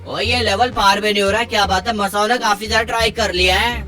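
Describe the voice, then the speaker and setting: A man giving casual gameplay commentary. He talks in a teasing, loud and excitable way. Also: sits high, brisk, soft background music, rough recording. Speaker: gamer commentator.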